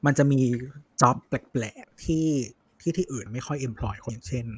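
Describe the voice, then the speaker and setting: Husky man talking bluntly, dry sound. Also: medium pitch, normal speed, a little mellow, no room sound. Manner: blunt, casual slang. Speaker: podcast co-host. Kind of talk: casual chat.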